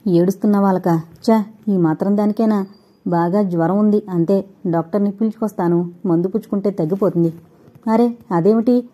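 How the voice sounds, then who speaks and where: A woman voicing a worried, gentle young man in an audio novel, asking soft, concerned questions. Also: mid-range voice, fairly even intonation, moderate pace, lightly acted.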